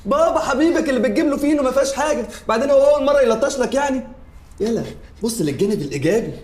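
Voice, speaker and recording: A man's voice: very high voice, lively intonation, a little mellow, a little hiss or hum. An actor playing a wisecracking young man with an Egyptian accent. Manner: quick, wisecracking. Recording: echoey room.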